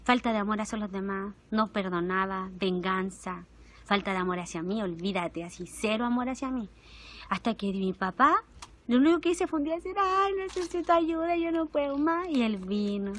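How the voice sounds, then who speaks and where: A young adult woman with a Chilean Spanish accent, preaching an intimate, emotional testimonial sermon that moves between soft and animated moments. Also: mid-range voice.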